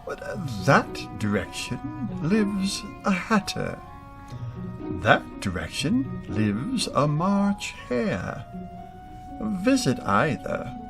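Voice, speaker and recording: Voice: mid-range voice, wildly swooping pitch, drawn-out words, gravelly, over music, full character voice. An actor playing a sly, mad, grinning cat in a radio play, drawling and meowing. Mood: sly, amused. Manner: drawling, meowing, swooping delivery.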